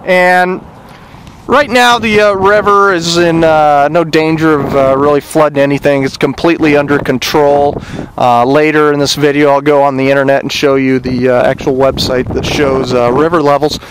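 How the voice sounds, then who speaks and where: A citizen reporter gives a casual on-location report outdoors by a river, rambling and filling it with lots of "uh"s. His voice is a little high, his intonation fairly even, and his pace moderate. Loud wind and river noise fill the outdoor recording.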